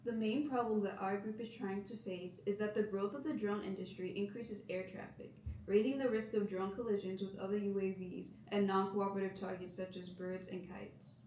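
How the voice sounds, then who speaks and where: A teenage girl reading a scripted project presentation at a measured pace. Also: mid-range voice, steady tone, dark tone, a little hiss or hum. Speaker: student presenter. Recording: echoey room, mic at distance.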